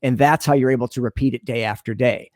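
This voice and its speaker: This podcast guest, a business consultant and sales leader, talks quickly in a steady, medium-pitched, darkish voice. He explains things earnestly and conversationally in his interview answers, frequently voicing made-up exchanges. The sound is dry and studio-clean.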